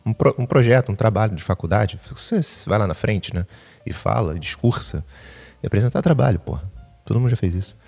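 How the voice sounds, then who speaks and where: A man's voice: on the low side, expressive, a little fast, creaky, a little mellow, faint music behind. A young man talking in a casual confessional vlog, anxious and jittery, rambling and cutting himself off, swearing casually. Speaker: vlogger.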